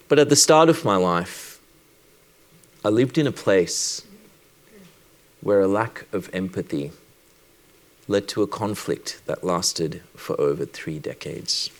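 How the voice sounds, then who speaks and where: This low-pitched speaker is a Sri Lankan man and a doctor, sharing a personal conference talk. He speaks reflectively and with measure, leaving deliberate pauses.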